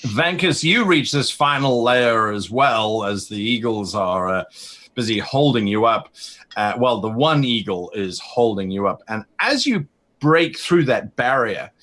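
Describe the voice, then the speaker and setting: A man's voice: medium pitch, expressive, unhurried, fairly bright tone. Man narrating as a game master. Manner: vivid descriptive narration with fillers.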